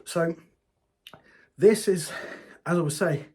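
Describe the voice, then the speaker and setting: A man's voice: fairly high pitch, takes it slowly, dark tone. A man hosting a casual hot sauce review vlog, talking straight to his viewers in a chatty way.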